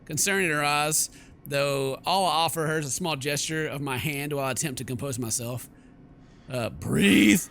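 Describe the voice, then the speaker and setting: A gaming video host with a slightly high, somewhat bright voice does playful, theatrical let's play commentary at a normal speed, exclaiming and reading game text aloud. He speaks into a close microphone at his desk, with faint game music behind him and a little hiss or hum.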